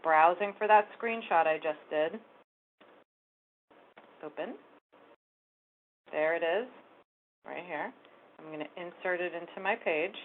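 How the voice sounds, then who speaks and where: A woman giving a casual step-by-step software tutorial, talking through each click as she goes. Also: lowish voice, slow pace, long pauses. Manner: casual step-by-step explaining, talks while clicking. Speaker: real estate tech trainer. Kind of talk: screen-share software tutorial. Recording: phone-like narrow band audio.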